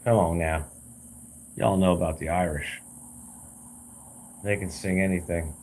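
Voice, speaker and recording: A man's voice: deep voice, steady tone, a little slow, a little mellow, slight background noise. A man talking in a blunt, rambling, repetitive way in a casual vlog rant, recorded outdoors by a road. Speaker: realtor vlogger.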